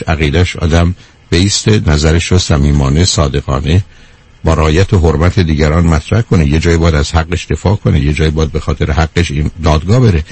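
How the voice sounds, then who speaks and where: Gravelly low-voiced male advice host. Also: a little mellow. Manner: lecturing, frequent rhetorical questions; blunt, calls the caller "dear". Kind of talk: call-in counseling.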